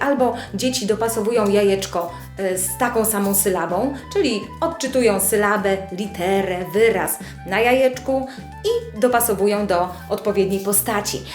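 A woman speech therapist walks parents through simple children's games in a friendly, explanatory tone. Her voice sits at an ordinary pitch and rings in a roomy, echoey space. Soft music plays faintly behind her. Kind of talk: instructional video presentation.

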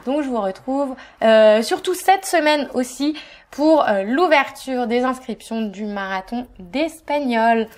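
A woman hosting a language channel, talking to camera with frequent filler sounds and saying short phrases slowly before translating them. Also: a little high. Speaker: language teacher and channel host. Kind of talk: video lesson to camera.

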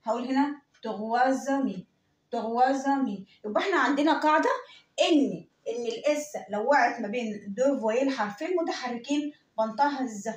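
A high-pitched Egyptian woman teaches beginners in a patient, drilling way, saying each word slowly and then saying it again. Her voice sits a little away from the mic in an echoey room. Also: far from the mic. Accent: Egyptian Arabic. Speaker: French teacher. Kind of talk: classroom lesson explaining and repeating words.

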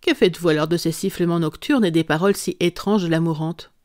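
A reader voicing a calm, ironic male detective who lays out his reasoning in an audiobook. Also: mid-range voice, fast talker, no room sound, clean studio sound, natural voice. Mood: composed, amused. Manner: composed, dryly amused, explanatory. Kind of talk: audiobook character reading.

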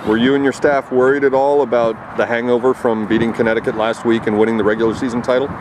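A man, a reporter asking measured, detailed questions in a post-game interview outdoors. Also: mid-range voice, flat delivery. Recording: outdoor night, clear traffic noise.

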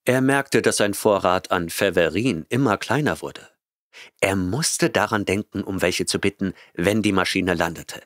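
A man narrating a science-fiction audiobook in a measured, even storytelling manner on a close studio mic. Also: deep voice, no echo. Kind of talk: scripted narration.

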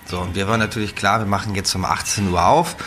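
A man from northern Germany, a head chef, talking casually in an interview, with a relaxed, rambling manner and many fillers and restarts. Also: on the low side, fast, a little hiss or hum.

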